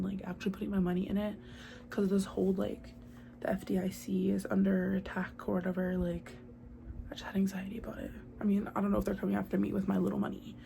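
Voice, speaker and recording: In a mellow, gravelly mid-range voice, a young adult woman from the United States vlogs casually to camera, heavy on "like" and "girl," with occasional whispers. Faint outdoor noise from her noisy spot reaches the built-in mic she uses instead of a proper one.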